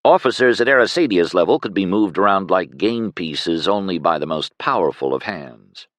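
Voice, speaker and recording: A man narrating a fantasy audiobook in an expressive storytelling manner. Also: moderate pace, no echo. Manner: expressive storytelling with lively pitch swings.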